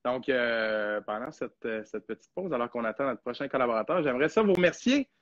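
A man's voice: mid-range voice, animated, a little fast, a bit bright, no room sound, highs cut off. Chatty Québécois man hosting a podcast. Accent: Québécois French. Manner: chatty, rambling, hesitant with many fillers. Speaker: podcast host. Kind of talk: casual live podcast chat.

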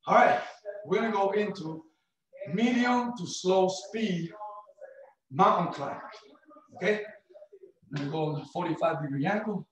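Man, fitness instructor, live workout class, counting reps, encouraging, high voice, heavy room echo. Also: fairly bright tone. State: out of breath at times. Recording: very echoey room, mic at a distance.

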